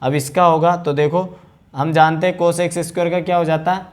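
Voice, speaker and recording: A man teaching a maths lesson at a board. He keeps asking his students questions and answers them himself, checking in with "thik hai" in a lively, coaxing way. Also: a little high, brisk.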